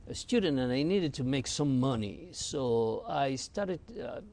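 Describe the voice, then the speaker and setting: Gravelly rabbi telling his story. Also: medium pitch, lively intonation, unhurried, darkish tone. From Argentina. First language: French. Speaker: rabbi, interview guest. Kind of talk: reflective storytelling.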